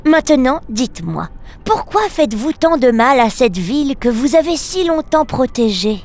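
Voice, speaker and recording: A woman's voice: high voice, very animated, moderate pace, darkish tone. A woman as a prim, strict librarian. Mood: firm. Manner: strict, schoolmarmish and composed.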